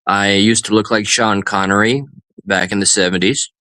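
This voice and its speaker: A man with a bright, ringing voice keeps up improvised joking banter on a live stream. He slides into mock-serious speeches and fake outrage for laughs. The sound is close and dry. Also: lowish voice, steady tone, moderate pace, no room sound. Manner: goofy mock-serious riffing, playful put-on outrage.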